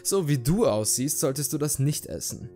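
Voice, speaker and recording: A man's voice: fairly high pitch, expressive, moderate pace, warm tone, soft background music, voice pushed up, close to an everyday voice. A man voicing a vain, arrogant young female fashion model in a horror story reading, speaking in a haughty, condescending way.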